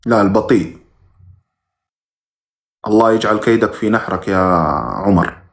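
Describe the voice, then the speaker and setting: A man's voice: fairly low pitch, level tone, moderate pace. A man who teaches religion, reading viewers' questions aloud during a live stream and giving brief, plain answers with sudden emphatic rises.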